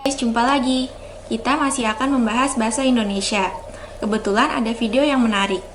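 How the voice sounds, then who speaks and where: A woman's voice: fairly high pitch, a little fast, slight background noise. A woman narrating a video, upbeat and addressing the viewers directly. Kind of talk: scripted narration.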